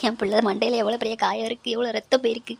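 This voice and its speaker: A woman voicing a distraught middle-aged village mother and aunt in an animated family drama, scolding and lamenting. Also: a little high, rapid-fire, creaky, breathy edge. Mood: anguished.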